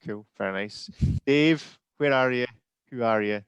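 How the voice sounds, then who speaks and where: A man hosting a live video chat, introducing guests one by one in a jokey, brisk way over a video call. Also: medium pitch, clean tone, no echo, dull audio. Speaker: host.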